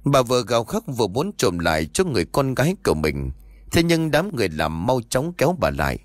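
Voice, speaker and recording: A man's voice: mid-range voice, wildly swooping pitch, brisk, dry recording. A man narrating a horror story in a dramatic, suspenseful way, recorded close to the mic.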